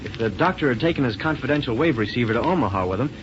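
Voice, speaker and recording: A man's voice: mid-range voice, animated, lightly acted. Buck Rogers, a man playing a confident space pilot. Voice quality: brisk, confident. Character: bold young male space pilot hero. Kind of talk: 1930s radio drama acting. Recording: dull old radio recording with loud hiss.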